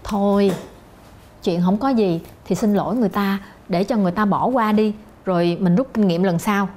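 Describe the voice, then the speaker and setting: An actress playing a sensible middle-aged woman neighbor, curious and quick to give frank advice. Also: medium pitch, a little mellow, slight background noise, close to an everyday voice. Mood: advising. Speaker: neighbor friend in a traffic-safety skit. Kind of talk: televised comedy sketch acting. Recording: music bed under the dialogue.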